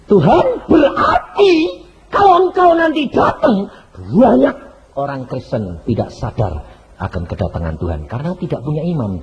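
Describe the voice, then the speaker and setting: Older man, sermon, acts out dialogue, shouts then murmurs, very lively pitch. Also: a little hiss or hum. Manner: animated preaching, swinging from shouts to low murmurs; acts out dialogue in his stories. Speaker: pastor.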